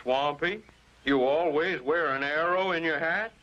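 A man's voice: on the high side, unhurried, pushed and bright. A fretful rancher father. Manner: fretful and emphatic. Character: excitable middle-aged male rancher, fretful father. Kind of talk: 1950s cartoon voice acting. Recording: dull lo-fi soundtrack with music.

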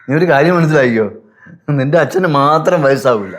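An actor playing a stern, sensible uncle who scolds and reasons in a TV sitcom. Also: male voice, medium pitch, lively intonation, brisk, lightly acted. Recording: TV sitcom with music underneath.

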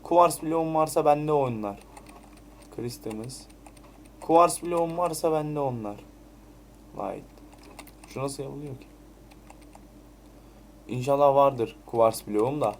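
A man's voice: mid-range voice, unhurried, long pauses, a little hiss or hum. A man giving casual, chatty commentary while playing Minecraft, swearing now and then and muttering item names over and over as he crafts. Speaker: Minecraft let's play creator.

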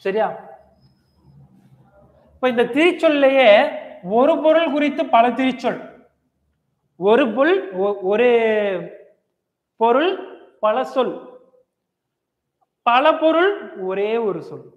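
A man's voice: very high-pitched, expressive, slow pace, pauses often. A male teacher giving a classroom grammar lecture, quizzing his students and repeating the key points. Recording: echoey, tinny lo-fi hall recording.

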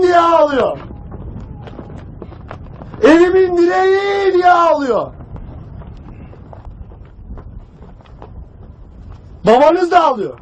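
A barking, high-voiced army commander. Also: male voice. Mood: grim. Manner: barking, harsh, shouts accusations at recruits. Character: stern male army commander berating his soldiers. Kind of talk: war film drama.

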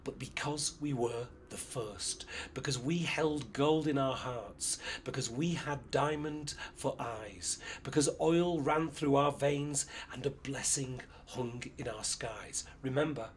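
A man performing a spoken-word poem in a measured, rhythmic declaiming voice. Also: medium pitch, a little hiss or hum. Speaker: poet.

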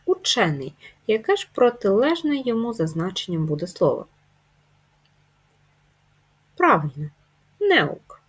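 A woman teacher giving a slow, deliberate lesson to young children, jumping up high on the key words. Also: big pitch swings, slightly rough. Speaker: primary school teacher.

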